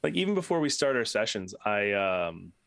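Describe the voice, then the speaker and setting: A man's voice: on the low side, sing-song, normal speed, creaky, fairly bright tone. A man chatting casually on a podcast, rambling with frequent restarts and swearing freely.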